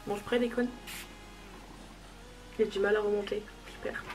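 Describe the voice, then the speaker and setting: A woman's voice: medium pitch, flat delivery, measured pace, music in the background, poor audio. A young woman chatting casually through a makeup tutorial, self-deprecating and talking while she applies products. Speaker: beauty vlogger.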